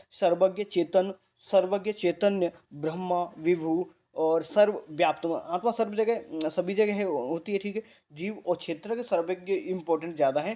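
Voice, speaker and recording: A man's voice: sits high, warm tone. A young man teaching a vocabulary lesson, casually repeating words and drilling his students. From India. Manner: casual, addresses students as bhai.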